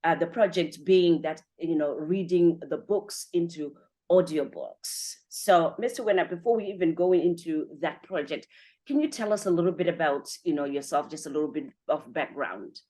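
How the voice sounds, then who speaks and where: A woman's voice: deep voice, moderate pace, dark tone. A woman hosting a podcast interview, talking in an effusive, chatty way with many 'you know' fillers. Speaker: podcast host. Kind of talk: interview conversation.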